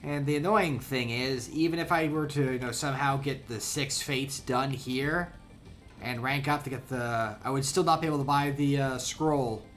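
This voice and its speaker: A man chats his way through a game stream, wandering into wry asides and correcting himself mid-thought. His voice is bright and forward. Faint music plays under his talk. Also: medium pitch, moderate pace. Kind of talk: casual gameplay commentary.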